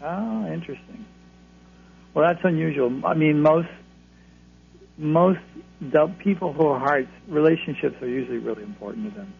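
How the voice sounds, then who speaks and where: A man with a gravelly voice giving conversational advice to callers as a guest reader on a radio show. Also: on the high side, normal speed, long pauses. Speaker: card-reading astrologer, radio guest. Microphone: telephone. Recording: thin phone line, humming noise.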